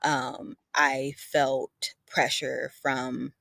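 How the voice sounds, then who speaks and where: A young Southern woman, appearing as a guest in a casual conversation, rambles on with lots of fillers like "like" and "you know." Her voice is very deep, gravelly and a bit bright, with a flat, very slow delivery, recorded dry at studio quality.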